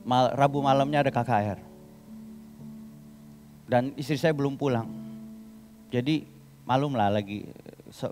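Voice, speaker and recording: A man pastor preaching a sermon in a church, telling a personal story, swinging from loud impassioned cries to low asides. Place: church sanctuary.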